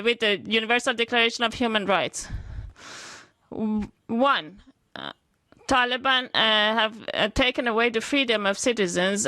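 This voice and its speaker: A woman addresses a parliament panel over a video link, speaking slowly and earnestly with many pauses and fillers. Her voice sits a little high and sounds bright. The sound is dry and close. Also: dry recording. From Afghanistan. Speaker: women's rights activist speaker. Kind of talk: formal prepared speech to a parliament panel. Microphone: remote video call connection.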